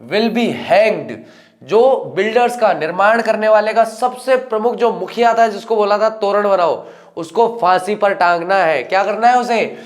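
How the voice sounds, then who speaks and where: Guy teaching a poem, high voice, slow, reads english lines then explains in chatty hindi.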